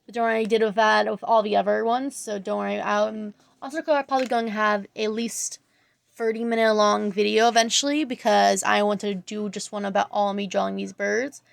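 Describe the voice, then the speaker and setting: A woman's voice: medium pitch, steady tone, brisk, gravelly, dry recording. A woman talking casually over her drawing video, rambling and hesitant, full of fillers and self-corrections. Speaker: art channel creator, student.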